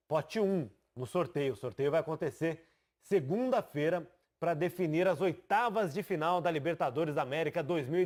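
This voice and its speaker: A man with a somewhat high voice leads a studio sports analysis. He explains with lively emphasis, walking viewers through results and on-screen tables. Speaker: sports TV presenter.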